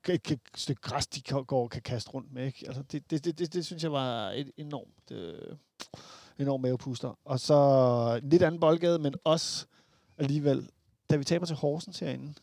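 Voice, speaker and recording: A Danish man talking as a podcast guest in casual chat, halting and animated, full of restarts. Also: mid-range voice, gravelly, no echo.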